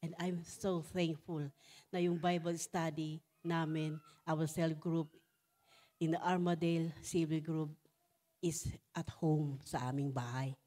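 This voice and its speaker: A middle-aged woman delivers a sermon, moving between English and Tagalog and checking in with "Amen?". Her voice sits low and warm. She speaks slowly, with many pauses and fillers. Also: flat delivery. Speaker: church speaker. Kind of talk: sermon testimony.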